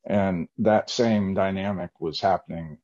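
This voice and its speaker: Low-voiced man, eager testimony, lo-fi. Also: fairly even intonation, unhurried, darkish tone. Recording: dull lo-fi sound.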